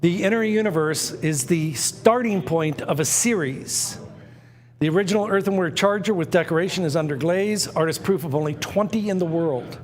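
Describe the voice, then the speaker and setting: A man's voice: sits high, normal speed, big-room sound. A man hosting a live auction, talkative, mixing casual chat with sales patter and repeating phrases for emphasis.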